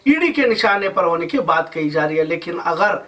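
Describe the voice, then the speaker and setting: A high, bright-voiced man in his thirties reads the news as anchor, with formal Urdu-flavored wording. He sits back from the microphone in a studio, so the sound is a little distant. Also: animated, moderate pace. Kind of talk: read news report.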